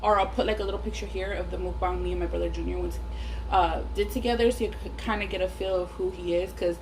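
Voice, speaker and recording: This woman from the Los Angeles area, a mukbang vlogger, chats bluntly and swears while rambling through a story over chicken wings. Her voice is on the low side, fast, a little mellow, with fairly even intonation. The low-quality recording carries a clear air-conditioner hum.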